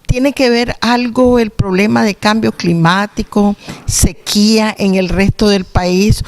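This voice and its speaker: A woman's voice: medium pitch, steady tone, takes it slowly, darkish tone. A woman. She works as the interviewer, putting her questions in a conversational way.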